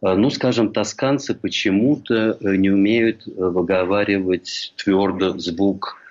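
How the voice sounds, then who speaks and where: An older man from St. Petersburg telling a measured, reflective memoir as a historian recalling a colleague. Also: fairly low pitch, steady tone, a little mellow. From Russia, St. Petersburg. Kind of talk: memoir lecture. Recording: dull lo-fi recording.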